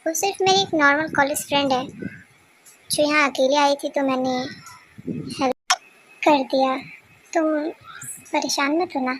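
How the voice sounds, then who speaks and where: A woman's voice: high voice, a little slow, pauses often, a bit bright, a little hiss or hum. A woman voicing a cold, curt young husband in a fan-dubbed romance story, talking in a brusque, scolding way. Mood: soothing.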